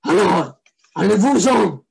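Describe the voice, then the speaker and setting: Lady playing a bossy loud devil barking questions, storybook style. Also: mid-range voice, animated, slow, creaky, husky, full character voice. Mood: demanding.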